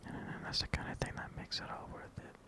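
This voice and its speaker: An ASMR creator speaks entirely in a breathy whisper. The delivery is halting and rambling, offering reassuring affirmations in short, unhurried phrases. No full voice comes through.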